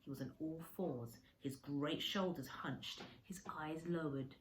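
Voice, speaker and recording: A low-voiced woman reads a children's story aloud a little slowly, expressive like a primary teacher and leaning dramatically on descriptive words. The amateur, low-quality recording has clear background noise.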